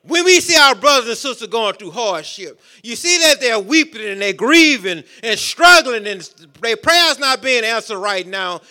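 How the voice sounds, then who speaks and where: A man preaches in with a high, bright voice. He builds his points through rhythmic repetition and calls out questions to the congregation. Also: animated, moderate pace, hardly any pauses. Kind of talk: sermon.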